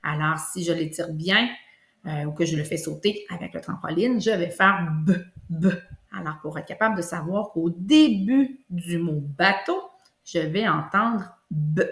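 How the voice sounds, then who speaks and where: A woman with a Québécois French accent, teaching a kindergarten lesson and slowly stretching out sounds for young children. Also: fairly low pitch, expressive, a bit bright. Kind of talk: classroom lesson video. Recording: echoey room.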